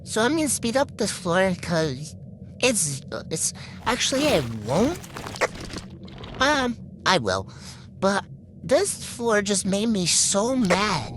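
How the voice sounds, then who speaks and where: A woman commenting casually on her own gameplay footage, exasperated and rambling, restarting her sentences often. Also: mid-range voice. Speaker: gaming video creator. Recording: steady background noise.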